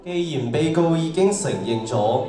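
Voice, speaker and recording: In a radio drama, a man plays a stern, officious judge in heaven's court, his voice on the high side, animated and near his everyday tone at a moderate pace. He delivers warnings with authoritative courtroom formality. The sound is echoey, as if from a hall with a distant mic, with music underneath.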